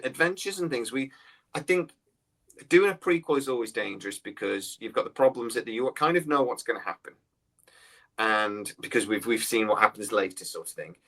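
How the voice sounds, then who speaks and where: A man's voice: medium pitch, lively intonation, moderate pace, a bit bright. Blunt man in his forties. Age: 40s. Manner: blunt and scornful, often repeats words and restarts. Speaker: podcast co-host. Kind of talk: casual opinionated chat.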